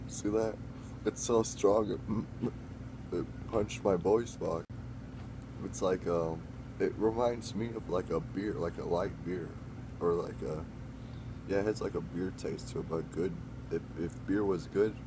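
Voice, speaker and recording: A young man speaks at a measured pace in a low-pitched voice while casually taste-testing drinks for his vlog, with noise in the background. Set in a small dim room, his talk rambles and corrects itself, livening up with excitement as he tastes.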